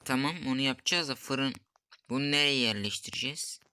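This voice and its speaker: A man's voice: medium pitch, brisk, bright, forceful tone, smooth. A young man playing a mobile cooking game, muttering to himself, reading recipe steps aloud and getting frustrated with the game. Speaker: gameplay streamer. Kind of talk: casual gameplay commentary.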